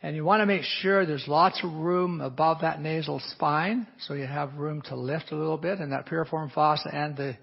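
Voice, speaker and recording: In dull, lo-fi audio, a man with a slightly high, creaky voice talks at normal speed with hardly any pauses. He is an aesthetic physician marking up a patient during a live teaching demonstration, explaining the treatment plan and often hedging with "a little bit."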